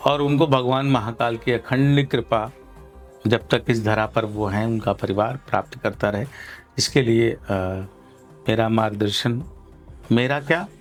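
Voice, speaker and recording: A tired man speaking as a religious guru, measured and formal, pausing often with fillers. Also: mid-range voice, soft background music. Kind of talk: devotional discourse.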